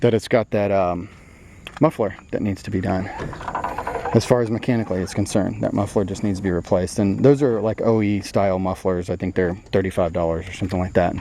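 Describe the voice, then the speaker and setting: A man's voice: deep voice, fairly even intonation, fairly quick. A man showing an old car and chatting about it casually, rambling with plenty of fillers. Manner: easygoing, rambling with many fillers. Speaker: classic car dealer. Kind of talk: casual walkaround commentary. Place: outdoors around an old car. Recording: loud outdoor noise.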